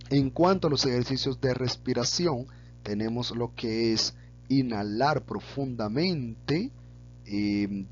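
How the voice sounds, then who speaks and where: A man teaching a public speaking lesson, speaking slowly and stretching out example words. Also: mid-range voice, highs cut off. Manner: slow and deliberate, stretches out sample words. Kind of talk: slow deliberate lesson on vocal technique.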